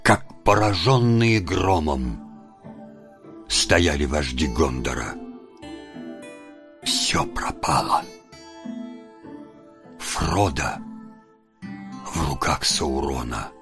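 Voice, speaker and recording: A man narrating a fantasy audiobook in a measured, dramatic way. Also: very deep voice, expressive, music in the background.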